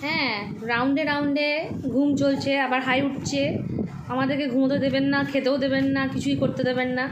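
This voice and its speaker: A woman's voice: high-pitched, level tone, brisk, background noise. A young woman from West Bengal chatting casually to her viewers as she shows her home and daily routine. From West Bengal, India. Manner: chatty, showing things to viewers. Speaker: vlogger. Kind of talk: casual home vlog narration.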